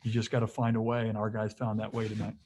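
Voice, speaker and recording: A man's voice: on the low side, monotone, fast, a little mellow. A male head basketball coach answering questions at a postgame press conference, rambling with lots of fillers and restarts, joking now and then.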